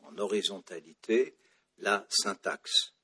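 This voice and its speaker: A man from France lectures a class on the psalms in a lowish, husky voice. He wanders off into side remarks and drops in the odd wry aside. His talk is full of fillers and false starts. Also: slow pace, pushed and bright. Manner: digressive, full of fillers and restarts.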